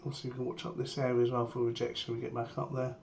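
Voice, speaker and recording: A man's voice: medium pitch, fast talker. A man with a strained sore-throat voice, under the weather, giving matter-of-fact live market commentary as a trader. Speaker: trader sharing a premarket plan. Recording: steady background noise, keyboard typing.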